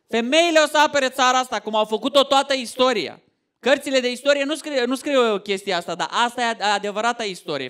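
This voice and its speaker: A man in his thirties from Romania doing a stand-up comedy set on stage, loud and animated, often shouting punchlines. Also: extremely high pitch. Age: 30s. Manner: loud, animated, swings into mock voices and shouts. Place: theater stage before a laughing audience.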